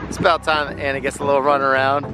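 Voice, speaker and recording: A man's voice: medium pitch, level tone, fast, heavy background noise. A young man chatting casually on a camping vlog, easygoing and crude with his jokes. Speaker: vlogger's partner. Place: outdoors at a forest campsite. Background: music.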